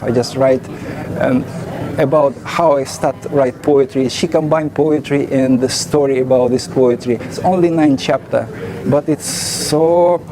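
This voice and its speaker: A man speaks warmly of his gratitude in halting, non-native English with a slightly high voice. Street noise and a crowd hum behind him. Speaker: author giving a testimonial. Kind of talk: heartfelt testimonial.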